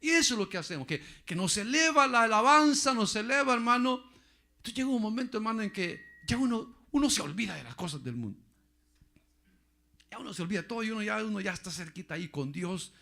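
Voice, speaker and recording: High gravelly man preaching. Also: lively intonation, fast talker, sharp tone. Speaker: pastor. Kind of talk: sermon.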